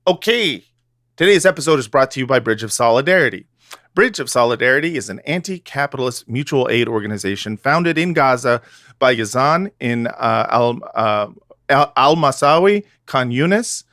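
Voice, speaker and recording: A man's voice: mid-range voice, lively intonation, moderate pace, fairly bright tone, no room sound, clean studio sound. Joking, rambling male podcast co-host. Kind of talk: casual comedic podcast chat.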